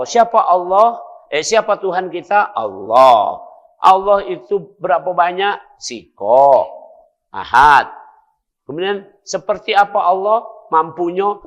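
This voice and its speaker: Lively Palembang preacher, higher voice. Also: male voice, dull audio. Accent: Palembang Malay. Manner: lively, playful, acts out dialogues. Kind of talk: mosque sermon. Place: mosque.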